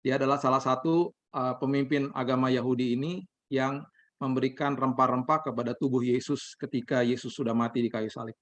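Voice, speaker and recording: A pastor, preaching a sermon over a video call in a lively, conversational way, often acting out quotes from everyday life. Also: male voice, mid-range voice, brisk. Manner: animated preaching with playful acted-out quotes.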